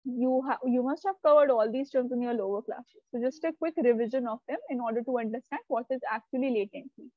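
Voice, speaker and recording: A woman's voice: a little high, fast, hardly any pauses, dry recording, phone-quality sound. A woman teacher, giving a live online lesson and explaining step by step while checking that her students follow. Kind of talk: live online class lecture.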